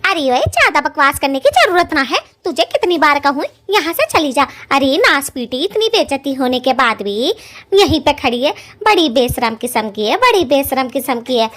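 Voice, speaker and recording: A hot-tempered old cartoon witch mother-in-law, voiced by a woman. She shrieks insults in a high, wildly swinging voice that never lets up. It is pure cartoon scolding. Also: big pitch swings, moderate pace, few pauses. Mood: furious. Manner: shrill cursing tirades. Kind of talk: cartoon voice acting.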